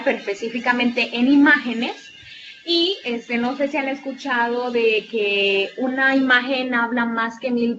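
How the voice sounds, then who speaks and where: A woman with a Salvadoran Spanish accent giving an online class lecture as a tutor. She explains patiently, asks her students rhetorical questions and often fills pauses with "este". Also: fairly high pitch, pushed and bright, dull audio, a little hiss or hum. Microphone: video call.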